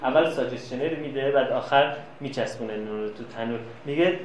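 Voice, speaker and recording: A man giving a classroom lecture, telling anecdotes and acting out quoted dialogue. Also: medium pitch. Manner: lively storyteller, plays out quoted dialogue. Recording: echoey room, faint noise.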